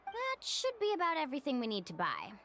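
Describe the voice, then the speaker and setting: Mualani, high-voiced, eager young guide. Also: female voice, huge pitch swings, a little fast, bright, forceful tone, a little hiss or hum, exaggerated voice. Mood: nervous, explaining. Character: upbeat young female tour guide, eager and earnest. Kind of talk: video game voice acting.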